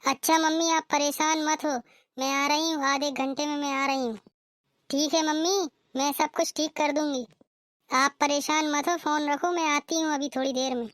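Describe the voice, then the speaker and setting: A woman's voice: high-pitched, fairly even intonation, normal speed, fairly bright tone, dry recording. A woman voicing a protective young married daughter in a cartoon, talking urgently. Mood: concerned. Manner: urgent, insistent. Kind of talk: cartoon voice acting.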